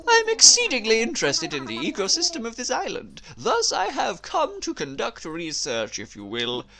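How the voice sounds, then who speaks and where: A man's voice: high voice, huge pitch swings, normal speed, gravelly, pushed and bright, pitched above the performer's own voice, exaggerated voice. A man voicing a pompous, scholarly male owl who speaks in formal phrases. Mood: grandiose. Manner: formal and fussy.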